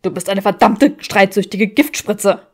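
A woman voicing an arrogant, scornful young wizard in a fan fiction audiobook, firing back loud, clipped retorts close to her own voice. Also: mid-range voice, a little slow.

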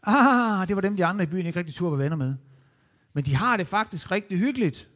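A man telling Bible stories to children in a church, lively, animated and playful. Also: high-pitched. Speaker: children's entertainer. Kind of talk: storytelling to children.

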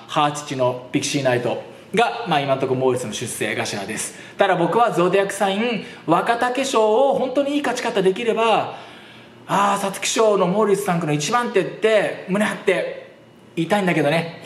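A man hosting a horse racing channel, talking casually to camera in a rambling, chatty way and laughing often. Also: sits high. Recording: roomy echo.

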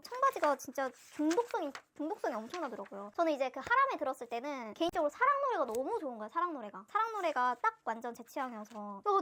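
Young woman, excitable, high voice, wildly lively pitch, casual unboxing chatter. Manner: excitable, gasping, gushing. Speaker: fan vlogger unboxing albums.

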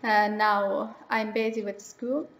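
A teenage girl from Afghanistan, speaking English haltingly and pausing often to search for words. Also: medium pitch, little pitch movement, roomy sound, rough recording. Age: teens. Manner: hesitant, searching for words, many pauses. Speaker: young migrant speaking about herself. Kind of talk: halting personal monologue in a second language.

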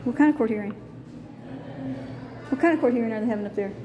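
A middle-aged woman with a slightly high voice talks fast as she films herself on a handheld phone in a courthouse's indoor hallways. She chats casually about the public building and asks curious, teasing questions. The hallway echoes, and background noise is loud.

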